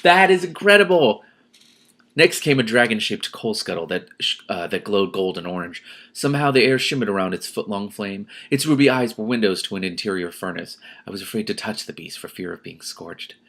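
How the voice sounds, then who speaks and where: Hosting a reading of a novel, a man with a lowish voice reads briskly and expressively, clearly emotionally invested. He keeps breaking in with spontaneous, effusive reactions.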